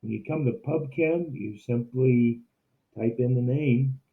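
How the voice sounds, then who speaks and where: A man's voice: medium pitch, unhurried, gravelly. A man giving an instructional screencast demo like a teacher, explaining things step by step. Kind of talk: instructional screencast narration, semi-scripted. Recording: muffled, narrow phone-like sound.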